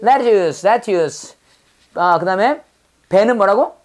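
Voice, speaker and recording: A woman teaching English vocabulary in a playful, lively manner. She uses call-and-repeat drills and pun stories. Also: mid-range voice, takes it slowly. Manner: lively, playful, tells pun stories and acts out quoted voices.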